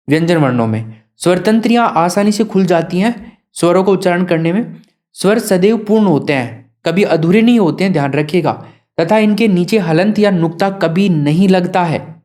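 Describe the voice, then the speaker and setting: A man's voice: fairly high pitch, a little mellow. A male teacher giving an exam prep lesson, often asking his students questions and then answering them himself. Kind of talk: classroom lesson.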